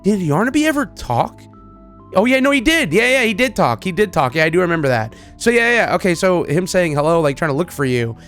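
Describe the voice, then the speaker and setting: Fairly quick and slightly high-pitched, this gaming YouTuber rambles informally and enthusiastically, hopping from one idea to the next. Faint music sits behind his voice.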